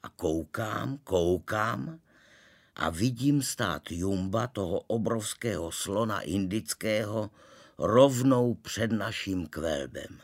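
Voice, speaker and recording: Low-voiced man narrating a storybook. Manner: expressive, old-fashioned storytelling.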